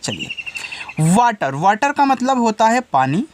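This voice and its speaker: A man's voice: high-pitched, big pitch swings, measured pace, a little hiss or hum. A man giving a casual spoken English lesson as a teacher, patient and repetitive, often asking his listeners questions. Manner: patient, repeats each step, often asks listeners directly.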